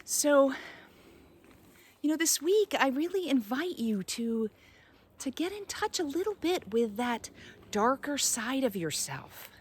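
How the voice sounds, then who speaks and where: Her high, sing-song voice carries a spontaneous, contemplative inspirational talk in which she acts as a spiritual guide. She often breaks off partway through a phrase while looking for the right words.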